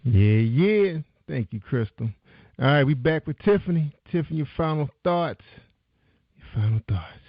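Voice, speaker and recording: With fairly high pitch and lively intonation at normal speed, a radio talk-show host keeps his interview relaxed and supportive. He leans heavily on "you know" while encouraging his guest. The recording is dry, with a dull lo-fi quality.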